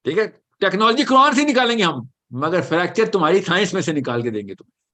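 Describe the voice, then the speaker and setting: A man leads an animated question-and-answer session. His voice sits slightly high, and he drives points home emphatically, weaving English phrases into his talk. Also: quick pace. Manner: emphatic, switches often into English, repeats reassurances. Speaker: lecturer answering audience questions.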